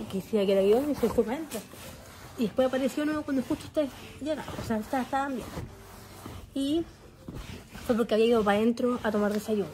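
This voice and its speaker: A woman's voice: a little high, mellow, slight background noise. A young woman with a Chilean accent, chatting casually in a vlog and telling rambling, slang-filled stories while cleaning at home. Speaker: vlogger.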